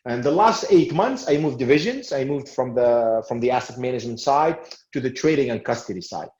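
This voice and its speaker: A man's voice: medium pitch, lively intonation, a little fast, a little mellow. A man from Tunisia in his forties answers interview questions, often restarting with fillers along the way. His voice sits in a middle register. The recording sounds roomy and a little dull, like a lo-fi call. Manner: hesitant, many fillers and restarts. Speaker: guest, sales manager in finance.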